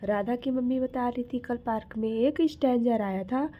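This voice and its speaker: A woman's voice: fairly high pitch, moderate pace, narrow, tinny audio, natural voice. A woman voicing a worried mother who lectures her two daughters sternly. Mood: scolding.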